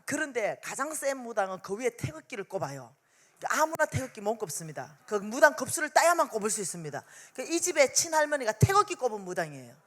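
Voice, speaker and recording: A woman's voice: on the high side, fast talker. A woman with a Gyeongsang Korean accent, telling a story in a revival sermon and acting out the dialogue. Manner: animated, acts out dialogue in story. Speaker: revival meeting speaker.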